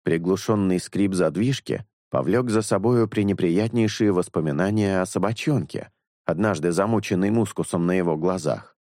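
A man reading a novel aloud as narrator, in a measured storytelling manner that slows for dramatic phrases. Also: sits low, a little mellow, dry recording, studio quality. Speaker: audiobook narrator. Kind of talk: scripted literary narration.

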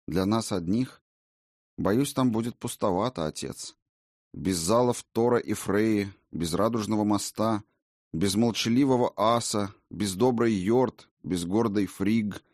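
A man's voice: fairly low pitch, darkish tone, no room sound, clean studio sound. A man reading an audiobook, voicing a young warrior valkyrie woman who is bold but shaken, asking faltering, pleading questions.

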